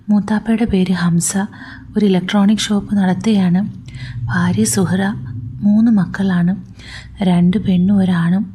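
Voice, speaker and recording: A woman telling a first-person story in a soft, intimate way. Her voice is mellow and warm, with a breathy, slightly husky texture. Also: lowish voice.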